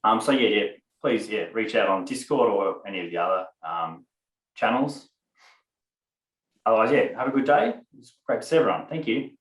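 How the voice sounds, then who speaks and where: A man leads a community conference call in a relaxed, inviting way, dropping loose fillers as he talks. His fairly low voice comes over the call from some distance. The room around him sounds roomy and echoey. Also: normal speed. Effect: conference call audio. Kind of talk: casual conference call chat.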